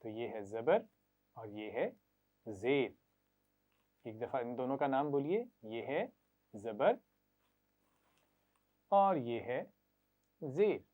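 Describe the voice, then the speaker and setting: A man, giving a children's recitation lesson in a patient, slow voice and drilling each sound for them to repeat. His voice sits at a middling pitch. The audio is thin and tinny, like a phone line. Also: lively intonation. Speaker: Quran reading teacher.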